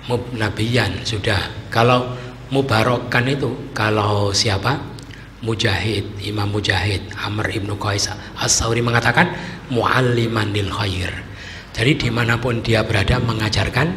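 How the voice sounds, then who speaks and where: A man's voice: lowish voice, a bit bright. A man giving a conversational sermon, often asking his listeners rhetorical questions. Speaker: preacher. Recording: echoey hall with faint noise.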